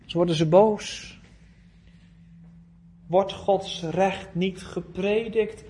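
A preacher with a notably high voice works through his sermon at a slow, deliberate pace. He presses hard on key phrases, then lets his voice sink low and soft. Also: slight background noise. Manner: earnest preaching, rising to loud emphasis then dropping low.

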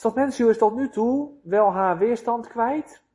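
A man preaching a sermon in a deliberate, emphatic way, with rhetorical questions to his listeners. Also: extremely high pitch, darkish tone.

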